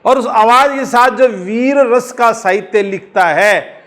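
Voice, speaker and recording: A male teacher with a Rajasthani accent giving an exam-prep lecture, explaining slowly, repeating key points and answering his own questions. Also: extremely high pitch, a bit bright.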